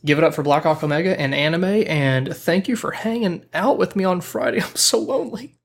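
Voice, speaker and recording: A man's voice: a little high, moderate pace, a bit bright. A man running a casual game stream and interviewing guests. He teases and jokes with a dry, playful delivery. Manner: joking, teasing interviewer. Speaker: stream host.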